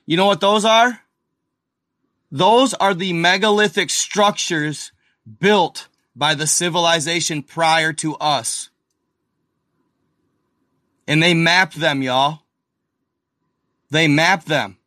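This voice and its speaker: A man hosting a casual video, talking excitedly over images on screen, speculating and firing questions at his viewers. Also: a little high, slow, long pauses, dry recording, studio quality. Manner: addresses viewers as guys and y'all, lots of fillers. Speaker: video host.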